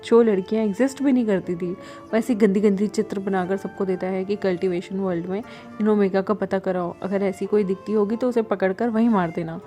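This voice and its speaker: A woman's voice: medium pitch, fairly even intonation, brisk, mellow, faint music behind. A woman telling a fan story in a casual, chatty narrating style with conversational asides.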